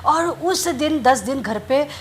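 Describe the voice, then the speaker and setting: A woman's voice: sits high, expressive, slow, slight background noise. A woman pastor preaching a sermon, telling stories and repeating phrases for emphasis with calls of hallelujah.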